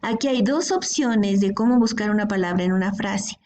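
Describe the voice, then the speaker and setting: A woman's voice: mid-range voice, normal speed, a little mellow. Woman teaching code step by step. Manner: explanatory, checks in with frequent "¿sí?" and "¿de acuerdo?". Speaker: programming teacher. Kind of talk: screen-recorded coding lesson.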